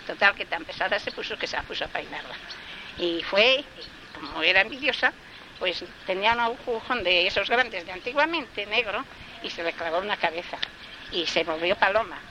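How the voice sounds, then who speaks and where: Older woman telling a folktale. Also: mid-range voice. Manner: rambling, repetitive, with frequent fillers. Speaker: folk storyteller. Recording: noisy field recording.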